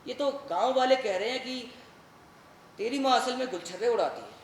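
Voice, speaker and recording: A man's voice: very high-pitched, fairly quick, heavy reverb, distant mic, a little hiss or hum. A man voicing a taunting young village friend with a sneering, teasing manner.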